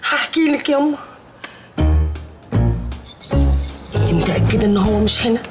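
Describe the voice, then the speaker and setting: A woman's voice: fairly high pitch, lively intonation, fast talker, over loud music, lightly acted. An actress playing a young wife with an Egyptian accent, complaining bitterly about her husband. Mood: wheedling. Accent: Egyptian Arabic. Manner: whiny, emotional.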